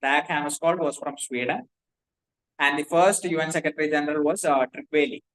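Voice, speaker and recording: A man's voice: fairly high pitch, fairly even intonation, brisk, fairly bright tone, poor audio. A man with an Indian English accent teaching a class, dictating notes and spelling names letter by letter, often repeating himself.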